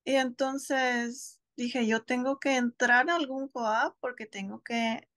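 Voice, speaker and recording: Her fairly high, steady voice comes slow and a bit bright on a dry recording. She is a Mexican mother in her thirties who homeschools, seated on a couch at home for a casual video-call interview, thoughtful and hesitant and often restarting what she says.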